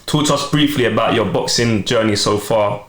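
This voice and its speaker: A man's voice: lowish voice, moderate pace, a bit bright. A man, co-hosting a podcast, rambling earnestly with lots of slang. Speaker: podcast co-host. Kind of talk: casual podcast chat. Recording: roomy room sound.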